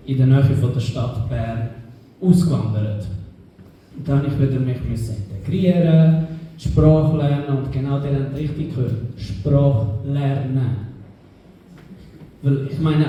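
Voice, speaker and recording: A man's voice: fairly high pitch, warm tone, a little hiss or hum. A young man from Switzerland with a Swiss German accent, telling ironic stories in a stand-up set. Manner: ironic storytelling to a live crowd. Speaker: stand-up comedian. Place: club stage. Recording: roomy live venue from far off.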